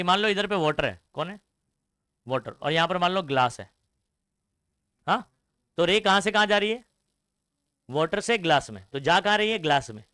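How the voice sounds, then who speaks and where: A man's voice: high voice, bright, forceful tone, no echo. A young man teaching a classroom science lecture, mixing English terms into his talk and constantly quizzing students with call-and-response questions. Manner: mixes Hindi with English terms, scolds students.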